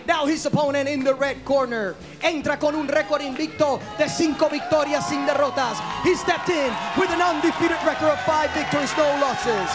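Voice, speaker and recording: A man making bilingual Spanish and English fight introductions as a ring announcer, booming like a lucha libre showman and stretching out names. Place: fight cage in an indoor arena. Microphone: handheld microphone. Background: music.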